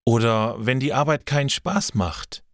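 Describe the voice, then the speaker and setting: A man voicing a young woman in a learner's story, a little higher and livelier than his narration. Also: a little slow, fairly bright tone, no echo, studio quality. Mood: unsure. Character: young woman, friendly then nervous.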